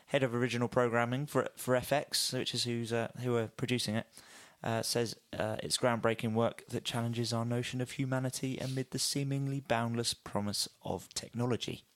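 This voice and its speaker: This is a man talking casually on a podcast about film news. He rambles a little and pads his sentences with fillers. His voice sits at an ordinary pitch. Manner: chatty, hesitant with many fillers. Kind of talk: casual chat.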